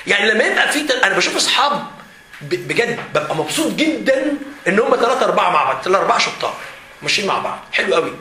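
Man, Egyptian Arabic accent, teacher leading a seminar, animated and joking, high voice, echoey hall. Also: racing. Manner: animated, joking, often laughing while talking. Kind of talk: lively seminar talk to students. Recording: echoey hall with faint background noise.

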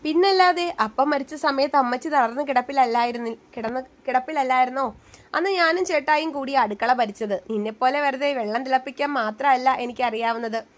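A woman's voice: high-pitched, brisk, natural voice. A woman voicing a teasing, playful young husband in a spoken story, with bantering, mock-stern lines.

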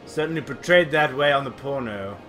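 Lively, bright-voiced male streamer. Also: mid-range voice, fairly quick, faint music behind. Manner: rambling, swears, reacts to chat. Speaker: game streamer. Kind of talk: casual live-stream chat.

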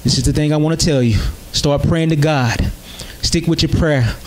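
A man's voice: on the high side, normal speed, a little hiss or hum. Earnest Southern man preaching encouragement. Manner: earnest, exhorting, repeats short commands. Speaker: gospel rap guest. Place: talk show studio set. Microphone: handheld mic.

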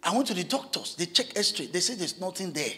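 A man, a pastor preaching a sermon in church, animated, breaking into shouts and chuckles. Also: sits high, brisk, soft background music.

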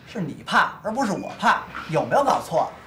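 A man's voice: high-pitched, sing-song, brisk, bright, forceful tone, a little hiss or hum, exaggerated voice. An actor playing a cheeky young man from Beijing, joking and complaining in a mock-dramatic way, with a Beijing accent. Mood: evasive. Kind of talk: TV drama acting.

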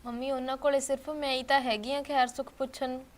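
An actress playing a put-upon young daughter-in-law who defends herself in a pleading voice, in a village short-film drama. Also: female voice, sits high, flat delivery, fast talker, natural voice.

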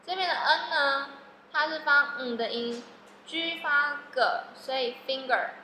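Slow, echoey woman teaching phonics. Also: high-pitched, sharp tone, a little hiss or hum. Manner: slow, drawn-out sounding of words, repeating each one. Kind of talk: classroom phonics lesson. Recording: echoey room with long reverb.

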